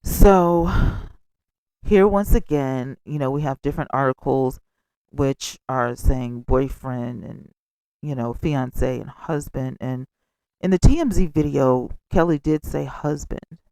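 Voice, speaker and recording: A man hosting a gossip vlog with casual, expressive commentary and chatty asides, speaking close to the microphone. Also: medium pitch, slow, clear, resonant tone, no echo, low-quality recording. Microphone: close microphone without a cover.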